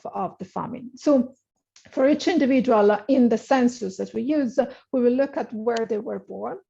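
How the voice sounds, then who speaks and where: Woman, academic presenter, fairly high voice, many fillers and restarts, muffled webinar audio. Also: creaky, darkish tone. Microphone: video call.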